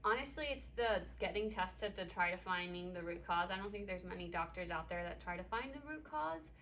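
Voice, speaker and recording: A woman in her twenties from Ecuador, a patient talking casually in an interview and pausing often with um. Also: fairly low pitch, lively intonation, fairly bright tone. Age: 20s. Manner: hesitant, many ums. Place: clinic room.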